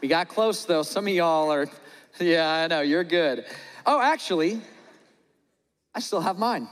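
Man, pastor, high voice, playful sermon, long hall reverb. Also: lively intonation, a little slow, fairly bright tone. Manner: playful, joking with the congregation; acts out little scenes in voices. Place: large church hall.

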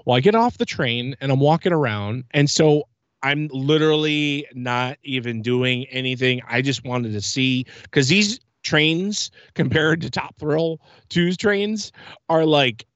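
A man hosting a podcast, telling an animated story in casual chat and acting out dialogue. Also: mid-range voice, unhurried, no echo, muffled recording. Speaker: podcast host.

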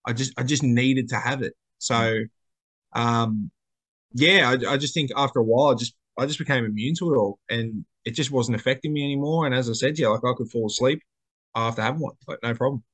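A man's voice: medium pitch, fairly quick, a bit bright. An Australian man in casual podcast chat, telling stories and repeating phrases for emphasis. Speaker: podcast co-host.

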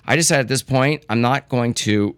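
A man's voice: mid-range voice, normal speed, a bit bright, clear, resonant tone, no echo, studio quality. A man co-hosting a casual home show, rambling with lots of fillers and swearing. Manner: rambling, filler-heavy, profane. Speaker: co-host. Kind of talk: casual chat.

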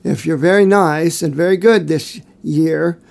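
A man co-hosts a casual podcast, his voice gravelly and dark in tone. He rambles through long, detailed explanations, full of fillers. His pitch sits a bit high for a man. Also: unhurried. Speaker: podcast co-host.

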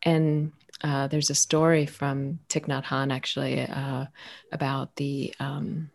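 Low-voiced thoughtful woman author. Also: flat delivery, takes it slowly, creaky. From United States. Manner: thoughtful, searching for words with many fillers. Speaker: author and guest. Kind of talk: reflective interview talk.

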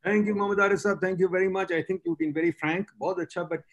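A Pakistani man moderates a discussion in a voice pitched a little above average. He is blunt and insistent, putting pointed questions to his panelists. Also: steady tone, racing.

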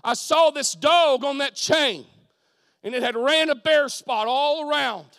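A man preaching a sermon testimony to a congregation in church, folksy and fervent, dropping to a hush and then rising to shouts. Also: very high-pitched, unhurried, vocal fry, dry recording. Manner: fervent, swings from hushed to shouting; folksy, repeats "you understand what I'm saying". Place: church service in front of a congregation.

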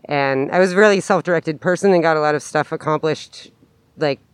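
Higher-voiced American man speaking through a face mask. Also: a little fast, smooth, no room sound. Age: adult parent. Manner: informal, loosely phrased with frequent "like". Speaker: interview guest, education activist. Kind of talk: casual conversational interview. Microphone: podcast microphone, spoken into through a mask.

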